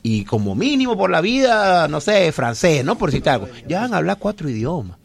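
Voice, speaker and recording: A man's voice: a little high, sing-song, a little fast, creaky. A man, a musician guest, chatting loosely in a radio studio interview, telling rambling stories and repeating his words. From immigrant living in Spain. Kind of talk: casual radio interview chat.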